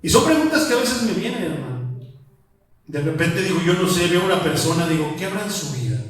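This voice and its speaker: A man's voice: high voice, lively intonation, fairly quick. A man with a Mexican accent preaching a sermon as pastor, talking conversationally with many rhetorical questions and frequent appeals to "my brother". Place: church prayer hall. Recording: very echoey hall, voice from far off.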